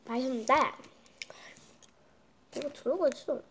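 Woman, mukbang vlogger, speaks through a full mouth while chewing, slightly high and unhurried. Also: mellow, slightly rough. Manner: slow, musing, talks to viewers between bites. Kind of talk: casual mukbang chat.

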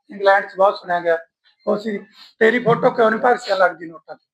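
A Punjabi lyricist with a strained throat, speaking at an honour ceremony and singing his own songs slowly between remarks. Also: sits high, a bit bright, poor audio. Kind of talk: speech with sung verses at an honour ceremony.

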